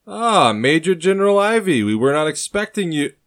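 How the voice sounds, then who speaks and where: A man's voice: fairly high pitch, sing-song, moderate pace, fairly bright tone, voice pushed up. A man voicing an eager, deferential young foot soldier at a harbor.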